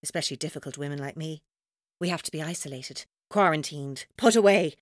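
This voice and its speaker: In a radio drama, a woman plays a tormented, vengeful captor, taunting and accusing with intense, bitter delivery. Her low voice moves fairly quickly and the acting is light. The studio-quality recording has no room sound.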